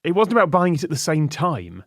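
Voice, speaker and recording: A man's voice: a little high, sing-song, fairly quick, dry recording, studio quality. A man as a podcast panel guest, eagerly thinking aloud. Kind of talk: casual podcast banter.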